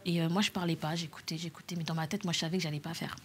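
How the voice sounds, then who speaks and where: A young woman with a French accent telling her own story as a talk show guest, halting, with many fillers and restarts. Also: low voice, fairly even intonation, slight background noise. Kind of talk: personal testimony on a talk show.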